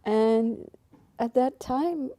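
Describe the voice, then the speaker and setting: An older woman from Mexico who grew up in Belgium, recalling her past as an interviewee in an unhurried, halting way with many fillers and restarts. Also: a little high, warm tone. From Mexico, raised in Belgium. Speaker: interviewee, painter. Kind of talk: interview recollection.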